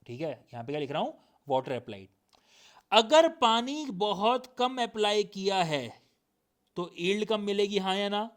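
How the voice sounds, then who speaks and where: High-voiced man teaching with a sore throat. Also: very animated. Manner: drills points with repeated questions; reads definitions aloud slowly. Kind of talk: recorded lecture.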